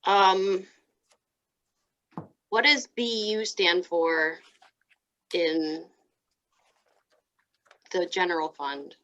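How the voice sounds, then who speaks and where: A woman joins the meeting over a video call, asking direct questions about budget lines. She speaks at an unhurried pace, and her audio sounds dull and lo-fi. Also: on the low side, steady tone, pushed and bright. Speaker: board meeting participant.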